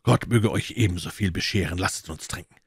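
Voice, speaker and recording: A grim, hard-drinking musketeer, read by a man in a very low, subdued voice. He sounds bitter and brooding in an audiobook, recorded dry and close. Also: fairly quick, husky, no echo, exaggerated voice. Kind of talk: audiobook character reading.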